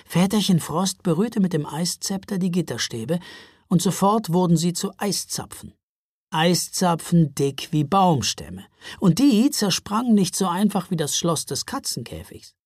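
Expressive storybook narrator, woman, breathy and animated. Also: fairly low pitch, unhurried, no echo, studio quality. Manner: lively, expressive. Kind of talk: children's audiobook reading.

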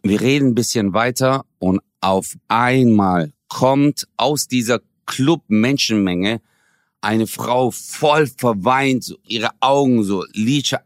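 Podcast co-host, a man in his forties from Germany who tells animated stories full of slang, close dry sound. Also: mid-range voice, dry recording. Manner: animated, slangy, acts out quoted dialogue. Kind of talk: casual storytelling chat.

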